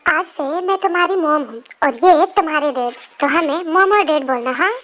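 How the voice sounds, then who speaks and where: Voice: high-pitched, animated, normal speed, fairly bright tone. A young performer voicing a doting, fussy mother of two boys in an amateur fan dub. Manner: affectionate, scolding by turns.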